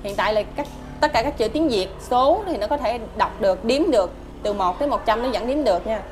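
Woman, Southern Vietnamese accent, slightly high voice, hesitant, polite, filler-heavy speech. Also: lively intonation, fairly quick, music in the background. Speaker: mother of the child, interviewee. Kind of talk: casual interview answers.

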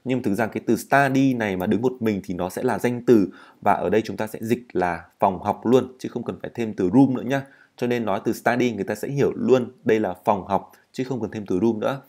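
Lowish-voiced Vietnamese man teaching pronunciation. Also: darkish tone. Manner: explains slowly, repeats words to model pronunciation. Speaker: English teacher. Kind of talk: English pronunciation lesson.

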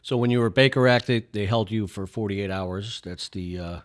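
A man's voice: on the low side, normal speed. A man hosting a podcast, interviewing his guest with direct, probing questions.

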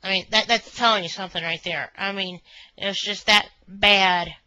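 A woman's voice: mid-range voice, fairly even intonation, moderate pace, bright, forceful tone, no room sound. Woman, meandering casual monologue, dry close sound, dull webcam audio. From Northern Kentucky, USA. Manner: chatty, meandering, many fillers like "you know". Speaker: vlogger reviewing a restaurant.

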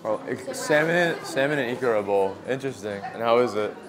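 A man's voice: mid-range voice, lively intonation, fairly quick, crowd noise. Laid-back young man vlogging food. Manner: joking, laid-back commentary. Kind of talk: casual vlog chat. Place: outdoors on a city street, then inside a busy small restaurant. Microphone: small clip-on mic on shirt.

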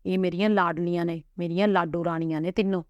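A woman's voice: on the low side, steady tone, fast, no echo, lo-fi sound, natural voice. Woman voicing a protective loving father. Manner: warm, insistent, protective. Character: devoted father of three daughters.

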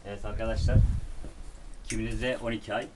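A man's voice: lowish voice, flat delivery, brisk, background noise. A young man, a departing soldier, giving a solemn, formal farewell speech to his unit. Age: young adult. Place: military unit outdoors among soldiers.

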